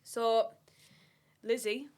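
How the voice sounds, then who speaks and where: A woman's voice: a little high, steady tone, very slow. A woman co-hosting a podcast, recounting a case in casual chat with light asides. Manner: tells the case story with chatty asides. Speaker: podcast co-host.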